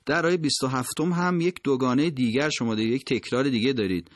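A man gives a recitation lesson in a voice of middling pitch. He explains each point and then sings out single words slowly, stretching the vowels. The sound is dry and close, with no room around it. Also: no echo. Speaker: Quran recitation teacher.

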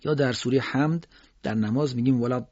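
Man teaching recitation, husky and dry. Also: mid-range voice, no echo, highs cut off. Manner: explains calmly, then slowly chants drawn-out Quranic examples. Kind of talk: tajwid lesson with chanted examples.

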